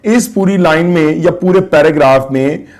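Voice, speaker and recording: A man with a Pakistani accent teaching a class nine English lesson, reading English slowly and explaining quickly in Urdu. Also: a little high, darkish tone. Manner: addresses students directly, asks and answers his own questions.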